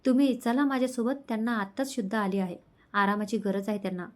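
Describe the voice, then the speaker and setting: A woman's voice: medium pitch, flat delivery, quick pace, natural voice. A woman reading the part of a male hospital doctor who speaks in a matter-of-fact, reassuring way.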